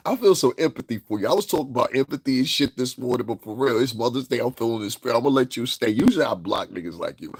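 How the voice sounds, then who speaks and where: Brash, husky-voiced man roasting his chat. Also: medium pitch, dry recording. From northeastern United States. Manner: brash, mocking, laughs often. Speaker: live streamer. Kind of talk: casual live-stream chat answering comments.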